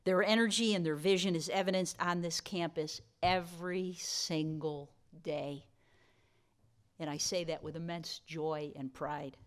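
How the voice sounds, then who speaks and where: Woman, low voice, formal dinner speech, playful asides to the crowd. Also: fairly even intonation, a little slow. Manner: warm, playful asides to the audience. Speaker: college president giving dinner remarks.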